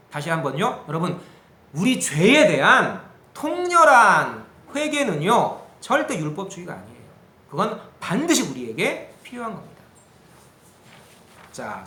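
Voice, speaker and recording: Youth pastor, male, sermon; animated, asks the room questions; bright, echoey sound. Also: sits high. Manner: animated, asks the group questions, acts out quotes.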